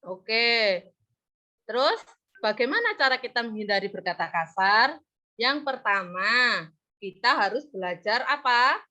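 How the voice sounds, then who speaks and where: Bright-voiced woman teaching a class. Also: fairly high pitch, sing-song, unhurried, long pauses. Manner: leaves words half-said for the class to finish; coaxing, praising teacher talk. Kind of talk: practice classroom lesson. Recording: muffled lo-fi recording.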